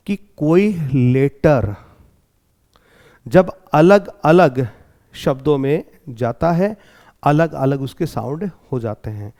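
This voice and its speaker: High-voiced Indian man teaching pronunciation. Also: darkish tone. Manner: explains step by step, checks in with 'clear?'. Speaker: English teacher. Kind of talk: exam-prep lesson.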